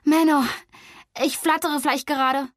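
A woman voicing a young female artist who is anxious, tearful and despairing, her voice high and breaking. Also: moderate pace, a bit bright, dry recording, studio quality. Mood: nervous.

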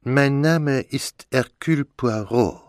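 A man voicing a courteous, self-assured elderly Belgian detective in an audiobook, speaking deliberately. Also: mid-range voice, dry recording, studio quality, pitched above the performer's own voice, close to an everyday voice. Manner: measured, polite, deliberate. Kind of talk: audiobook character voice.

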